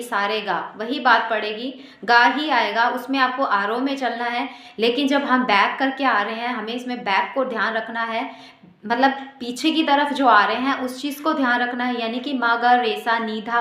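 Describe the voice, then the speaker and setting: Bright high-voiced woman teaching. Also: reverberant. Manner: explains step by step, recites note names in sequence. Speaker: music teacher. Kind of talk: exam-prep music lesson.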